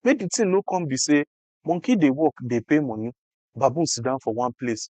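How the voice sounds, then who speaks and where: A man's voice: mid-range voice, sing-song, brisk, a little mellow, no room sound. A Nigerian man explaining things conversationally in Nigerian Pidgin, emphatic and repeating phrases for effect. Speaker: interview guest explaining health insurance.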